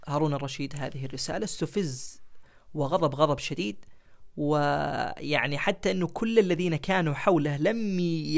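Hesitant man narrating history. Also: fairly high pitch. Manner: frequent hesitant fillers between phrases; measured, formal delivery when reading quoted letters. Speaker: history show host. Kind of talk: casual history storytelling, reading letters aloud.

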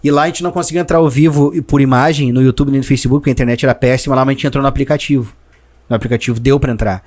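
A sports narrator with a southern Brazilian accent tells stories at a rapid clip. His pitch sits in an ordinary middle range for a man. He talks in an animated, slangy way and gets emotional about his memories. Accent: southern Brazilian (Rio Grande do Sul). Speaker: sports radio narrator, guest. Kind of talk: casual storytelling in a podcast chat.

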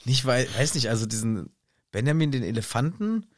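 Ein Mann, der im lockeren Podcast-Gespräch salopp und scherzend plaudert. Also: male voice, mid-range voice, expressive, brisk, no room sound, studio quality. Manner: slangy, joking. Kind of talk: casual chat.

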